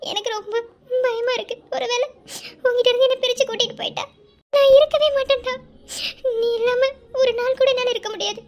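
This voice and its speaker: A woman's voice: very high voice, steady tone, fast, dull audio, a little hiss or hum. A woman voicing a tearful young wife in a cartoon, pleading emotionally in a Madurai Tamil accent. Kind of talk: cartoon voice acting.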